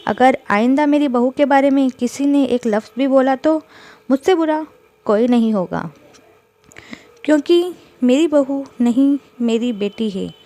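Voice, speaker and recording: A woman voicing a stern, fierce mother-in-law in a storybook tale, talking in sharp, scolding rebukes. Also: high voice, unhurried, no room sound. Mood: angry, protective. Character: stern fierce older mother-in-law, protective of her daughter-in-law.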